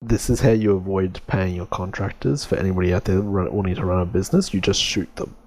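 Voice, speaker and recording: A man hosting a casual gaming podcast, measured and dry, steering the talk along. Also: low-pitched, steady tone, darkish tone, slight background noise. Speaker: podcast host.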